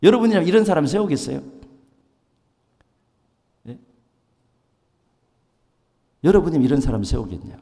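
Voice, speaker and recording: A male pastor preaching a sermon in an animated way, often putting questions to the congregation and acting out quotes. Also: on the high side, moderate pace, creaky, pauses often. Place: church sanctuary. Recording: long hall reverb.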